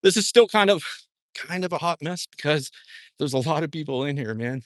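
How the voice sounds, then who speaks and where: A man's voice: a little high, animated, fairly quick, no room sound, clean studio sound. A laid-back man with a Southwestern American accent, chatting casually during a live stream while walking outdoors and joking about his own mistakes. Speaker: livestream host. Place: outdoors, walking in a dry wash.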